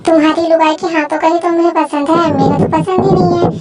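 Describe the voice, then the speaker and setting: A woman's voice: extremely high pitch, steady tone, brisk, loud music behind the voice. A woman voicing a fussy middle-aged mother who scolds her married son sarcastically in a fan audio drama. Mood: scolding sarcastic.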